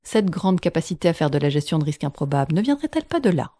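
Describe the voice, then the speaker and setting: Low-voiced French storytelling woman. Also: fast talker, dry recording. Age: middle-aged. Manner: lively, animated retelling with quoted voices. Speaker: podcast host. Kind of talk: storytelling podcast narration.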